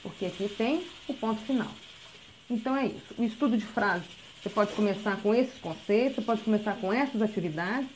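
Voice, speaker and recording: A woman, a literacy teacher giving a recorded lesson and explaining patiently step by step, often checking in with a quick "tá?". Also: mid-range voice, slight background noise, low-quality recording.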